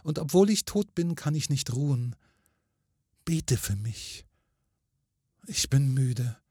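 Guy doing a sad lady ghost, faint sweet lamenting voice, raised high, dry close sound, ghost story reading. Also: lively intonation, slow pace, warm tone, slightly rough, no echo. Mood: mournful. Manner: pleading, lamenting. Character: sorrowful ghost of a murdered young woman.

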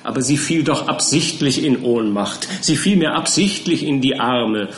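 A man reading an audiobook and voicing an earnest, indignant elderly gentleman who speaks slowly and plainly. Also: medium pitch, a little hiss or hum, lightly acted. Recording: roomy echo.

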